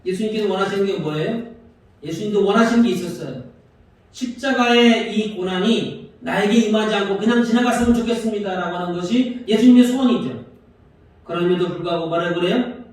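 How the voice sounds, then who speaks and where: A man's voice: sits high, brisk, darkish tone, very echoey, distant mic, rough recording. A male pastor preaching a sermon in a church, putting questions to the congregation and acting out prayers as he goes. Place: church sanctuary.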